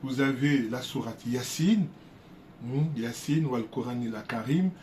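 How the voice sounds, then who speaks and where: A man teaching viewers in a casual, unhurried way, often repeating words and restarting his sentences. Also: mid-range voice, a little mellow, a little hiss or hum. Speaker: spiritual teacher.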